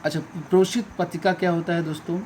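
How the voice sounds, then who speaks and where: A man's voice: sits high, level tone, fast, a little mellow. A male teacher runs an online exam-prep lesson in a slightly raised voice, calling his viewers friends. He stresses each key word and repeats every correct answer. A faint hiss sits under the recording. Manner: addresses viewers as friends and companions.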